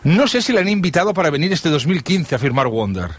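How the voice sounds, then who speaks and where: A man's voice: fairly high pitch, very animated, fast talker, husky, no room sound. A man hosting a book interview in a courteous, formal way. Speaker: interviewer and host.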